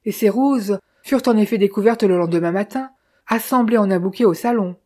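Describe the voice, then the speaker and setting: Woman narrating an audiobook in a mellow voice. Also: medium pitch, fairly quick. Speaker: audiobook reader.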